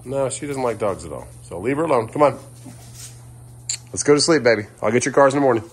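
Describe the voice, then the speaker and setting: Low-voiced woman vlogging on her phone. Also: lively intonation, fast talker, husky. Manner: chatty, offhand, laughs at herself. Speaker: vlogger, trucking dispatcher wife. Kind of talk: casual vlog narration. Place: car, yard and home, in and out of doors. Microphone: handheld phone camera. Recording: noisy phone recording.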